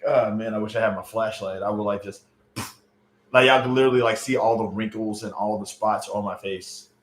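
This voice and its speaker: A late-thirties man hosts a casual livestream, chatting loosely with viewers, joking about their comments and using lots of fillers. His voice is lowish and steady, and he talks fairly quickly. The home stream mic picks up a roomy echo.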